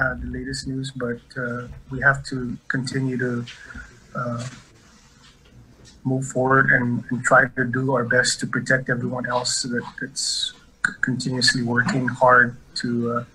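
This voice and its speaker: Halting, flat-toned male official with bright voice. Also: medium pitch, slight background noise, poor audio. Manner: halting, hesitant, repeats words. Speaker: corrections department director. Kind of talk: spontaneous spoken statement in an interview.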